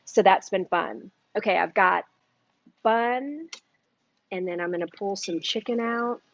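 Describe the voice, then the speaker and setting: A woman's voice: mid-range voice, unhurried, vocal fry, dry recording. Woman, cooking-class host, chatty live demo, talks with her mouth full; dry, slightly muffled sound. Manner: chatty, eats and talks at once. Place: shop kitchen.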